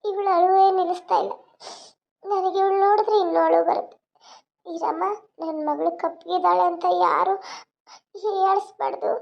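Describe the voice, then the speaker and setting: A woman's voice: extremely high pitch, steady tone, normal speed, gravelly, pauses often. A woman voicing a young mother and police officer, tearful and tender as she says goodbye. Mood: anguished. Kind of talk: cartoon voice acting. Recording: dull lo-fi sound.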